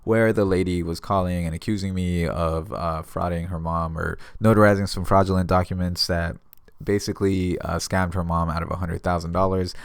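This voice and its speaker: An American man from the San Diego area of California gives notary advice in a casual instructional vlog, talking to viewers conversationally and retelling past exchanges. His voice is low, steady, clear, and resonant with vocal fry, at a moderate pace and with no echo.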